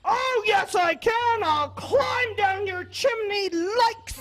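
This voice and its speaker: A woman's voice: extremely high pitch, takes it slowly. A woman voicing the big bad male wolf in a children's puppet show, boastful and greedy, with gloating, growling threats. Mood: blustering. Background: loud music.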